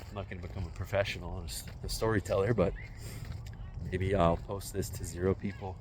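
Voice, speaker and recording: This is a casual walking vlog: a man in his forties with a deep, low voice rambles into a phone mounted on a selfie stick as he strolls along a residential street. His delivery is flat and fairly quick, his musings self-deprecating, and there is faint noise around him.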